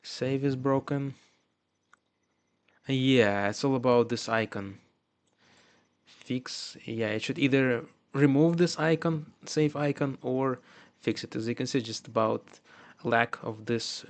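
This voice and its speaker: Slow, gravelly man with a Russian accent. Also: medium pitch. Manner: muttering to himself with halting restarts. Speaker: coding streamer. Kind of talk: live coding commentary.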